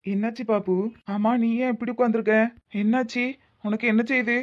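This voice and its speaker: A woman, her voice on the high side with fairly even intonation, lightly acts as a fretful young husband rattling off worried questions. The accent is Tirunelveli Tamil, and the recording is slightly muffled, lo-fi audio.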